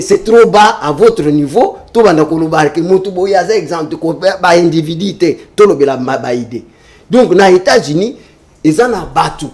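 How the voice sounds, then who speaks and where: A man's voice: high voice, darkish tone. A man arguing his point in a heated political debate on a talk show, emphatic and repetitive, mixing French with Lingala. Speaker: debate panelist.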